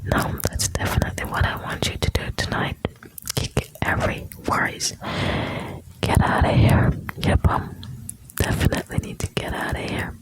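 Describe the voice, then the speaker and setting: A woman whispering close to the ear in an intimate, soothing ASMR style, reading out short lines and chatting softly to the listener. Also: moderate pace, rough recording. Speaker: ASMR host reading quotes.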